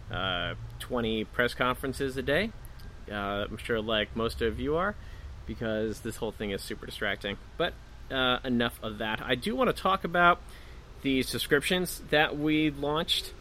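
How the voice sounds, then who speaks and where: A man's voice: mid-range voice, a bit bright, a little hiss or hum. A man talking informally and a little hesitantly as the solo host of a casual podcast. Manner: informal, chatty, hesitant phrasing.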